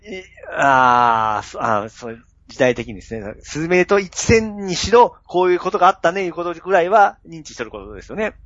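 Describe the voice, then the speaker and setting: A man's voice: fairly high pitch, big pitch swings, fairly quick, few pauses, a bit bright, dry recording, dull audio. A man, co-hosting a casual podcast chat and mostly giving short, agreeable replies. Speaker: podcast co-host.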